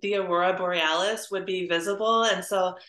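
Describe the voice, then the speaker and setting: A woman from Illinois with a low-set but bright, forward voice. She asks questions politely and haltingly, leaning on "um" and "like". The room around her rings with echo. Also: steady tone. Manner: polite, hesitant, with fillers like "um" and "like". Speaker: audience member asking questions. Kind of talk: casual conversation. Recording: roomy echo.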